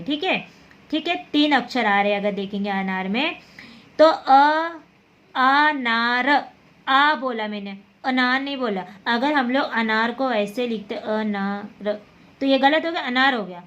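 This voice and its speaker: Slow, patient woman teaching Hindi. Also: on the high side, fairly bright tone, dull audio. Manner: patient, repeats words and checks with "theek hai". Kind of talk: slow classroom explanation.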